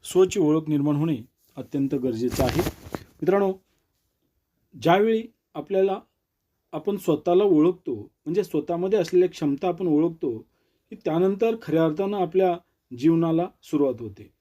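A man's voice: fairly high pitch, normal speed, mellow. A man narrating a motivational story lesson in an earnest way, pushing up his voice on stressed words. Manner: earnest, with rising emphatic stresses.

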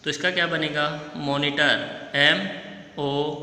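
A man with an Indian Hindi-speaking accent teaches a children's English class, spelling each word out letter by letter. His voice is very bright and he talks slowly, pitched a little high. The sound rings in an echoey room with a long reverb tail. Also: fairly even intonation. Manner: spells words letter by letter and repeats them slowly. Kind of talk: classroom lesson explaining English words in Hindi.

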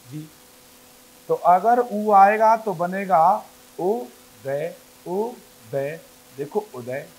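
A man teaching Hindi grammar to a class. He keeps asking the class questions, often answers them himself, and repeats words slowly for emphasis. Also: sits high, rough recording. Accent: North Indian Hindi.

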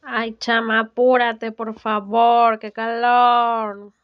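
A woman's voice: on the high side, level tone, clear, resonant tone, dry recording. Woman playing a dramatic, gossipy young mother. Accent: Venezuelan. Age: young adult. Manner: drawn-out, theatrical, sighing "ay" complaints. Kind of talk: comedic student film acting. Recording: dull, dry, lo-fi.

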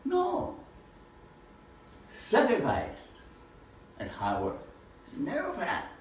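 His high voice swoops wildly in pitch as he takes it slowly, an older man giving a casual lesson in a living room with a projector screen. He asks rhetorical questions and gestures broadly. A camera across the room records him, so the sound is echoey and distant, with a little hiss or hum.

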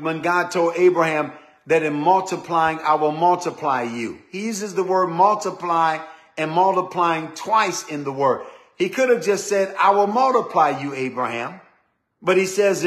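A man's voice: fairly high pitch, a bit bright. An older man teaching a sermon as a preacher, often restarting his words and leaning hard on repeated key words.

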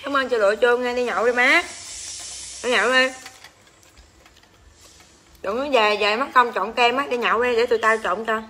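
A woman's voice: on the high side, steady tone, moderate pace, pauses often, pushed and bright, a little hiss or hum. A woman with a Southern Vietnamese accent, hosting a casual livestream and ranting to her viewers in a crude, exclamatory, rambling way. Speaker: livestream seller and host.

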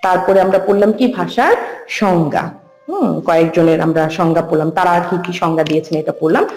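A woman teaching a recorded lesson, asking questions and answering them herself and repeating key terms slowly. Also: on the low side, a little mellow. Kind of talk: recorded online lecture. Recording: echoey room with faint music.

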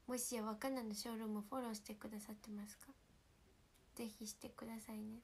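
Soft-spoken Kansai girl with a sore throat. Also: on the high side, flat delivery, fast talker, a little hiss or hum. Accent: Kansai Japanese. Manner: soft-spoken, often drops to a whisper. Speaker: idol livestream host. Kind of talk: casual livestream chat with fans. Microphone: phone.

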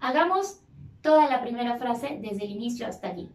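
Woman choir teacher, high voice, very slow and patient, sings the phrases, echoey room, faint instrument behind. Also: animated, a little mellow. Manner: slow, patient explaining with sung demonstrations. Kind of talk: sung vocal lesson for children.

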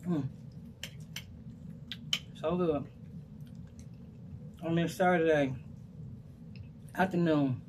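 A man vlogging while eating, chewing food as he talks slowly and casually to his viewers between contented murmurs. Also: fairly high pitch, slight background noise. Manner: slow, relaxed, drawn-out with contented murmurs. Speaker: mukbang vlogger.

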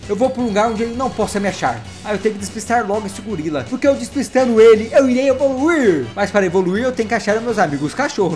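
A man hosting a game vlog, excitable and animated, talking to his viewers and cooing at in-game animals. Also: high-pitched. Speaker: gaming channel host.

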